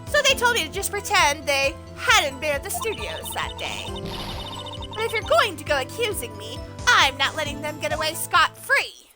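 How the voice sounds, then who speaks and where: A woman's voice: high voice, big pitch swings, moderate pace, music in the background, pitched above the performer's own voice. A woman voicing a cranky, talkative old lady witness from a video game in a whiny, nasal old-person voice, indignant and folksy. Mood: indignant, defensive.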